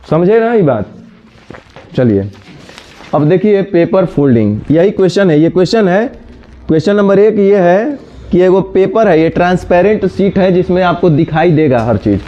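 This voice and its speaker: Scolding teacher. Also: male voice, high-pitched. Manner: scolding, brisk, addresses students directly. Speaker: reasoning teacher. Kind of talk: classroom lecture. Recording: dull lo-fi sound.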